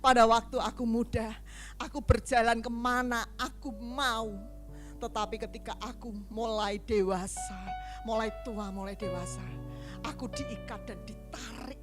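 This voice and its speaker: A middle-aged woman preaching a sermon, animated, acting out dialogue in different voices and calling for amens. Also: a little high, measured pace, music in the background. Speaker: pastor.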